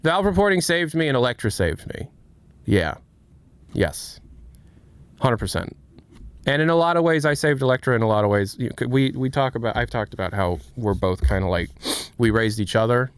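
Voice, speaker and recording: A man's voice: medium pitch, animated, normal speed, clean tone, dry recording. A man in his late twenties, streaming and answering chat in a candid, reflective way, often restarting his sentences. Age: 20s. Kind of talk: casual livestream chat, answering chat.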